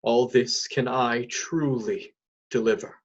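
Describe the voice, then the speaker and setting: A man performs a loyal, grieving nobleman in Shakespearean tragedy. He speaks slowly and solemnly with earnest weight, and the recording is dull and lo-fi. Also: mid-range voice, fairly even intonation. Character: loyal, grieving friend of a dying prince. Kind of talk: Shakespearean stage acting.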